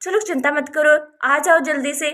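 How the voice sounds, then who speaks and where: A caring young village woman voiced by a woman speaks politely and gently in a very high, bright voice. She soothes and looks after everyone around her. It is a doll-story voice, barely acted. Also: moderate pace. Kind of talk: Hindi doll-story voice acting.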